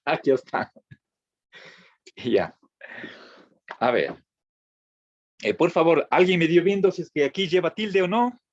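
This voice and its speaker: A man teaching a philosophy class, pausing to check in with his students and restarting phrases as he goes. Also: a little high, lively intonation, no room sound. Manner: checks in with frequent "¿sí?", halting restarts. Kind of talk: classroom lecture. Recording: dull lo-fi dry recording.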